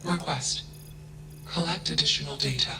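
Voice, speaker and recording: A man voicing a flat, emotionless AI. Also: fairly high pitch, moderate pace, lightly acted. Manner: flat, clipped statements, each opened by a one-word tag. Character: flat emotionless self-aware AI who insists it is a person. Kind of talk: video game dialogue. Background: game music.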